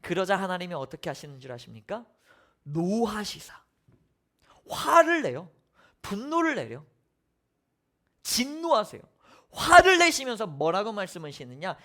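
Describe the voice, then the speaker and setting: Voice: mid-range voice, wildly swooping pitch, measured pace, long pauses, sharp tone. A preacher giving a sermon, telling the story with rhetorical questions and sudden drops to a whisper.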